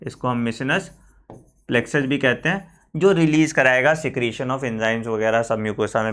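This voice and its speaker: An Indian man teaches an online exam-prep biology class, talking the students through a diagram on screen. He slows right down to spell out the technical terms and repeats key phrases. He keeps checking in with a quick "okay" in Hindi. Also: fairly high pitch, fairly bright tone.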